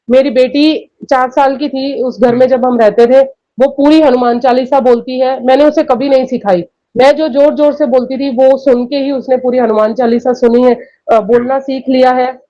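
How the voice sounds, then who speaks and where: A woman guest chatting in an interview, retelling a personal experience in a lively, rambling way. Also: high voice. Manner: chatty, animated retelling with many asides. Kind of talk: conversational storytelling. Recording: dull lo-fi sound.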